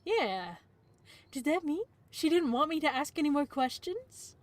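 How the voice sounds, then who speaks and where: A woman's voice: sits high, big pitch swings, unhurried. A woman streamer reading visual novel narration aloud, breaking off now and then for playful asides.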